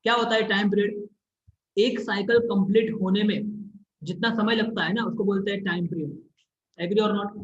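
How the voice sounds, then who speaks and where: High-voiced teacher in an echoey room. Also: male voice, fairly even intonation, moderate pace, long pauses. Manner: repetitive, keeps checking if students follow; draws on a board while explaining. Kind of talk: classroom physics lesson. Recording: echoey room, slightly dull recording.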